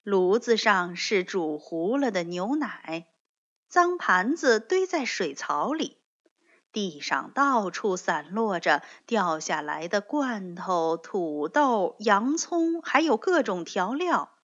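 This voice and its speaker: A woman slowly reading a children's storybook aloud with expressive delivery. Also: mid-range voice. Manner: slow, expressive read-aloud. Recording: dull lo-fi recording.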